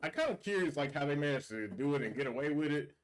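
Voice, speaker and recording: A man's voice: fairly high pitch, lively intonation. Man on a glitching, cutting-out call. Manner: laughs often, halting with fillers. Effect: glitching, cutting-out call audio. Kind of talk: casual chat. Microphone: online voice call.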